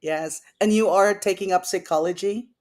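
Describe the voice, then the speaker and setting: A woman's voice: on the low side, normal speed, darkish tone. A woman hosting an online interview show, talking in an enthusiastic, effusive way. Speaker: host.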